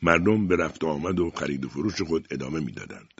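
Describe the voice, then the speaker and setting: A male narrator reading an audiobook in a measured, calm way. His voice is very deep and husky, recorded dry, with a dull, muffled tone. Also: no echo.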